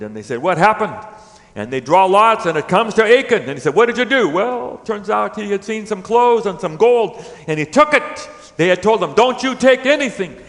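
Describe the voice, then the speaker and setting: A middle-aged pastor with a high, light voice delivers a sermon, one moment pressing his point loudly, the next dropping to a near hush. His words ring out with a long reverb through a big church hall. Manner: dynamic preaching, swinging between loud emphatic peaks and hushed low lines. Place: church sanctuary.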